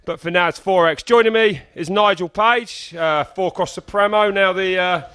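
A man's voice: high-pitched, moderate pace, pushed and bright, smooth. A man commenting on a mountain bike race on a headset mic, jokey and laid-back. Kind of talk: sports commentary.

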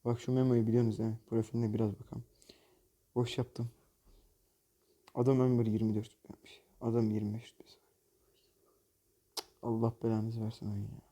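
A man's voice: mid-range voice, little pitch movement, moderate pace, pauses often, dark tone. A man hosting a gaming channel, commenting on opening loot boxes in a mobile game, exasperated and jokey, often cursing at the game.

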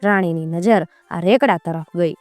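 A woman storyteller, narrating a folk tale in a lively, colloquial way. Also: lowish voice, unhurried, dry recording, faint music behind.

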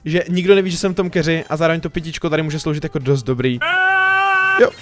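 Gaming host, male, somewhat high voice, chatty and excitable play-by-play with faint music underneath. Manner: chatty, excitable, talks straight to viewers. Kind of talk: gameplay commentary. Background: faint background music.

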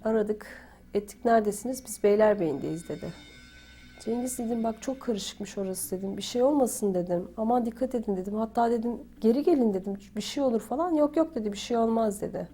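A woman's voice: fairly high pitch, a little fast, dark tone, breathy edge. A woman recounts a family ordeal for a documentary, reenacting conversations by quoting who said what. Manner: retells events by quoting dialogue with "dedim" and "dedi". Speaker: family member interviewed for a documentary. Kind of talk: emotional first-person recollection.

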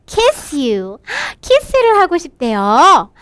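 In a lively, high voice, a woman teaches children English from a storybook, reading lines aloud and then explaining each one. She speaks slowly and asks questions that she answers herself, on a dry recording with faint music underneath. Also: no room sound.

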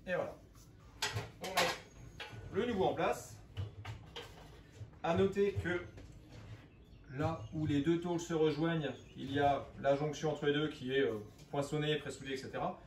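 A man's voice: fairly high pitch, steady tone, measured pace, pauses often. A man in his forties, hosting a home DIY video, explaining each step in a plain, matter-of-fact way. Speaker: DIY channel host. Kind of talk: casual step-by-step DIY narration. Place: home room by windows, indoors. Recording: echoey room, distant mic, background noise.

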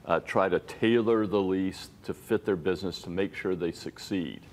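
A middle-aged man, a journalist guest, calmly explaining his reporting in a TV news studio interview. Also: low voice. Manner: measured, explanatory, paraphrasing sources. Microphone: lapel mic.

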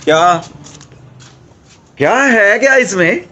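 Lively high-voiced young man vlogging pets. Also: takes it slowly, muffled recording, slight background noise. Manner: excited, chatty, coaxing the animals. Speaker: pet vlogger. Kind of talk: casual home pet vlog.

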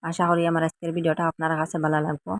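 A woman's voice: sits low, monotone, very fast, a little hiss or hum. A woman from Assam with a Sylheti accent, chatting to viewers in a casual cooking vlog in a rambling, chatty way. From Assam, India. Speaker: vlogger.

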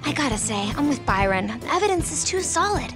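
Cartoon teen girl, confident, businesslike, quick speech, slightly high, background music. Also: sing-song. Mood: determined. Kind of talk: cartoon voice acting.

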